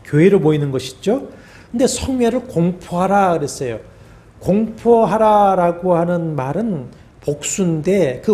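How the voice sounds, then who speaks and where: Male pastor, sermon delivery, mellow and slightly high, measured phrasing with fillers and falling endings. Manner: measured preaching with drawn-out pauses and fillers; voice drops at phrase ends. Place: church sanctuary.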